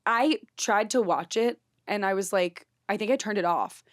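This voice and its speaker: Young woman co-host, mid-pitched, eager and quick to react, dry close mic. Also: no echo. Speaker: podcast co-host. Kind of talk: casual chat.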